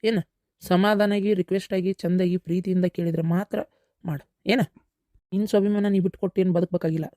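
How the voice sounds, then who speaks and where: A woman with a North Karnataka accent voicing a calm mother who lectures patiently in a cartoon comedy. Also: fairly low pitch, no echo, clean studio sound. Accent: North Karnataka Kannada. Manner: quick, lecturing, calming. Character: mother-in-law, calm, scolding her son kindly.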